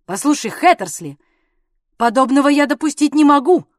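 A woman doing an indignant proper gentleman. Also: high-pitched, lively intonation, normal speed, no room sound, studio quality.

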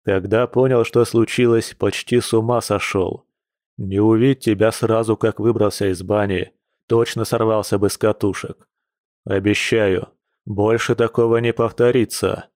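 A man voicing a hot-tempered, protective bear shapeshifter, gruff and intense, in an audiobook. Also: fairly even intonation, measured pace, a little mellow, dry recording, clean studio sound, natural voice. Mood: tender resolve. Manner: gruff, intense, with low hissed anger. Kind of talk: audiobook character reading.

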